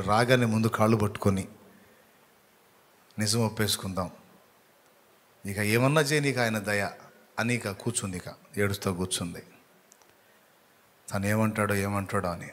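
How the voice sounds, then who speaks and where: A male pastor tells a sermon story in a low, slightly husky voice. He acts out the people in the story, swinging from hushed lines to loud, urgent bursts. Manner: dramatic storyteller, acting out quoted voices with sudden loud rises.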